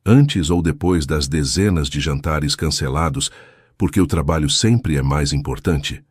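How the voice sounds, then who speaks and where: A man's voice: extremely low pitch, unhurried, slightly rough, dry recording, clean studio sound, full character voice. A man voicing a hurt, guarded young wife who speaks in a bitter, accusing way.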